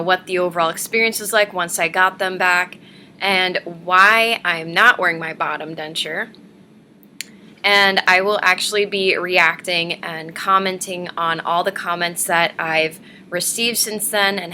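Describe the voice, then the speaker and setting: A woman's voice: on the low side, sharp tone. A woman in her thirties talking casually and chattily to camera as a vlogger, recorded in a living room at home. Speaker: vlogger hosting a personal denture diary. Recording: noisy webcam room recording.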